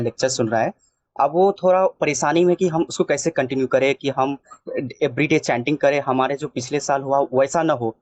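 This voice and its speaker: A man's voice: mid-range voice, a little mellow, dry recording. A man acting as moderator, relaying a chat question with many fillers and hesitations. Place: online session.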